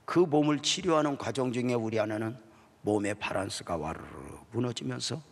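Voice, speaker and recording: A middle-aged man preaching a sermon as a pastor, telling a story with strong emotion and moving between hushed passages and rising, emphatic ones. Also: medium pitch, animated, normal speed. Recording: long church-hall reverb.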